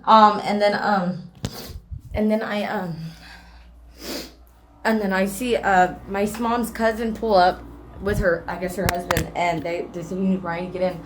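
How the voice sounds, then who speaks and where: A woman's voice: medium pitch, fairly even intonation, a little slow, pauses often, reverberant, a little hiss or hum. A woman vlogger telling a personal story to the camera in a rambling, emotional way.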